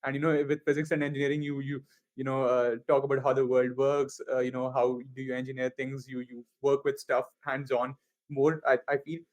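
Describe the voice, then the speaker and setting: Halting man asking questions. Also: mid-range voice, level tone. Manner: hesitant, restarts often, many fillers. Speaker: podcast host, interviewer. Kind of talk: casual interview questions.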